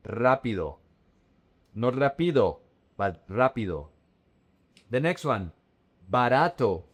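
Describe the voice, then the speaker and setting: A man teaches a Spanish lesson at a very unhurried pace, leaving space around every word. He says each word carefully and repeats it, stressing its syllables so they come through clearly. His voice sits at an ordinary middle pitch. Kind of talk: slow, careful language lesson.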